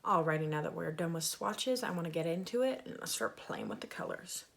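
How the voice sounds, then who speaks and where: A woman's voice: on the low side, animated, a little fast, creaky. A woman talks through makeup in a casual, chatty vlogger style, poking fun at herself. Her s sounds come out slushy with a lisp. There is faint noise and clicking in the recording. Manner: chatty, self-deprecating. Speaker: beauty vlogger. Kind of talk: casual makeup review chat.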